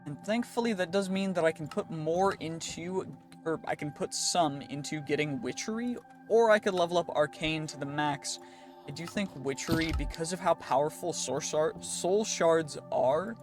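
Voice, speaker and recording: Man, slightly high voice, casual let's-play commentary, chatty, clear music behind. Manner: chatty, thinks aloud, quick reactions. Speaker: gaming channel host. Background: clear background music.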